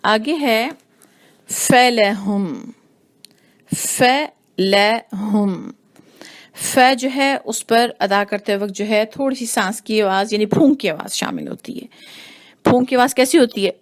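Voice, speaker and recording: A woman teaching Quran recitation rules, explaining slowly and repeating each sound to demonstrate it. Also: on the high side. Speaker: tajweed teacher. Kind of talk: patient recitation lesson.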